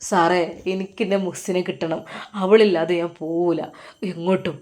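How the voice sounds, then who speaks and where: A woman's voice: fairly low pitch, steady tone, moderate pace, close to an everyday voice. Sinan, a desperate young husband, as a woman voices him. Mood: pleading, grieving. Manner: pleading, sobbing, soft-spoken. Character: young man, 23, desperate lover. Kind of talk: storytelling.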